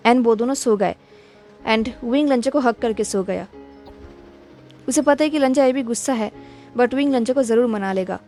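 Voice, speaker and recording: A woman reading a fan fiction aloud as storytelling narration, at an even pace and without separate character voices. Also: fairly high pitch.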